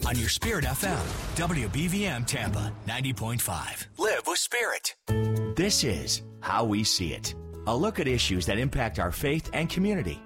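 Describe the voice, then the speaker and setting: A man's voice: mid-range voice, sing-song, moderate pace, over music. A man reading a scripted radio station promo and program introduction. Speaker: station announcer.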